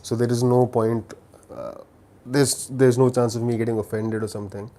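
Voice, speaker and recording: A man's voice: mid-range voice, steady tone, moderate pace, mellow. A man from India with a Telugu Indian accent, chatting casually as a livestream host, often repeating words and restarting sentences. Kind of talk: casual chat, recommending films.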